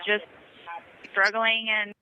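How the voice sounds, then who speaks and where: A woman's voice: mid-range voice, monotone, slow, pushed and bright, slight background noise. A woman calling from prison over a phone line, talking in a worried, complaining way. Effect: prison phone call line. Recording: tinny dry phone line.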